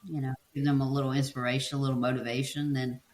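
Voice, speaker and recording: A woman guest in casual interview chat, an animated storyteller who acts out quotes in a high playful voice and laughs often. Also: quick pace, reverberant. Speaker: guest, author and seminar speaker.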